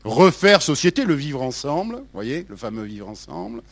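A man's voice: mid-range voice, very animated, normal speed, dry recording. A man in his sixties with a light south-western French accent, giving a playful, mock-indignant spoken column on language, full of hesitations. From south-west France. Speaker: radio columnist.

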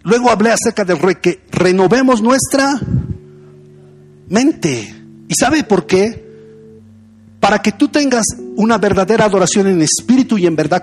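A young man, a pastor giving a conversational sermon full of personal stories. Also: high-pitched. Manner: conversational, anecdotal preaching.

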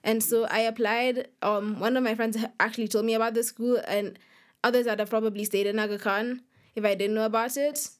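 Her fairly high voice has fairly even intonation and a fairly quick pace. She's a young adult from Kenya, a young author guesting on a podcast, chatting informally and a bit hesitantly with frequent use of "like."

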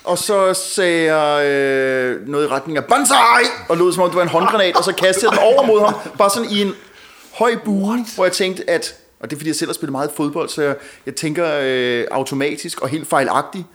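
High-voiced man telling a story animatedly. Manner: animated, repeats words and stumbles when excited. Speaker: guest. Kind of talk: casual storytelling.

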